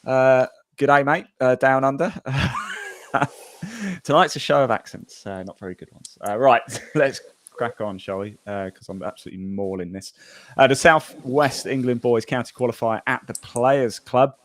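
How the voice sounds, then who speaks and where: A man's voice: medium pitch, normal speed, no room sound. A man hosting a golf podcast, reading the news in a chatty, rambling way with plenty of fillers and restarts. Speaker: podcast host.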